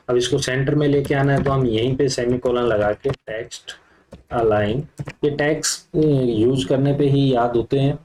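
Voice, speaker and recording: A man's voice: medium pitch, dark tone, a little hiss or hum, low-quality recording. A man teaching a computer class, explaining step by step while he types, with frequent fillers. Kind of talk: live coding lesson.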